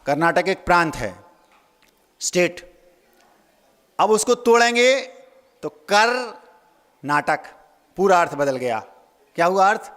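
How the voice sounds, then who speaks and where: A man's voice: sits high, fairly bright tone, in a large hall. A man, a Jain monk, giving a sermon, playing with word meanings and asking his listeners questions. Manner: playful wordplay, asks the audience questions.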